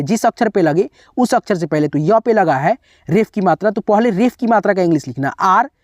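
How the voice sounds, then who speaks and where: A man's voice: sits high, darkish tone, no echo, clean studio sound. A man teaching a beginners' spelling lesson, patiently spelling out each word letter by letter and checking in with his viewers again and again. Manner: keeps saying "okay, friends".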